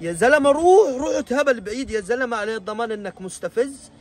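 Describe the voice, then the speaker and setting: A man rants through a comic reaction video in mock outrage. His voice sits high and swings widely. He talks fast and keeps up the exasperation. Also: expressive, faint music behind.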